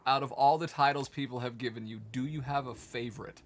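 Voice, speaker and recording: A man's voice: steady tone, quick pace, slight background noise. Playful young man teasing his guest. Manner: playful, teasing, jumps into high squeaky outbursts. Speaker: streamer host. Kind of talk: casual game-stream chat.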